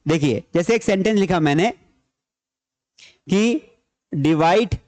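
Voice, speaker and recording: A man with a high voice gives a grammar lesson to a class. He repeats each point and asks questions he then answers himself. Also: lively intonation, slow, a little mellow. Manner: repeats key points, explains in Hindi mixed with English terms. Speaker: grammar teacher. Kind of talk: classroom lecture.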